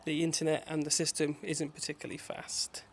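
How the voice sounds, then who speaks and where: Higher-pitched male travel vlogger. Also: monotone, brisk, a little hiss or hum. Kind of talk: casual vlog narration to viewers.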